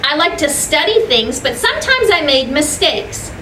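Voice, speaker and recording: A woman with a high, very animated voice reads a story aloud to children at a normal speed, pausing to explain things simply, repeat points and ask her young listeners questions. She's a teacher, recorded in an echoey room on a distant mic with clear background noise.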